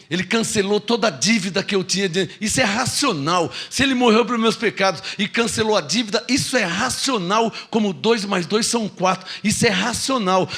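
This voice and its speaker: A Brazilian man preaching a sermon as pastor, swinging from quick asides to slow, drawn-out shouted proclamations. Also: sits high. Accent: Brazilian Portuguese. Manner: mimics doubting listeners in a small mocking voice.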